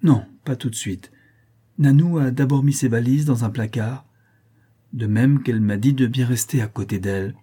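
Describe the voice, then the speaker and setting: A man's voice: medium pitch, normal speed, warm tone, slightly rough, natural voice. A man voicing a shy little girl of about five who gives small, unsure, matter-of-fact answers. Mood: innocent.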